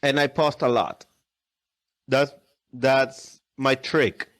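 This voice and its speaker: A man's voice: medium pitch, flat delivery, slow pace, fairly bright tone. A man chatting casually as a podcast guest in non-native English, often repeating words and restarting his phrases. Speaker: podcast guest, airsoft video creator. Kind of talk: casual interview chat.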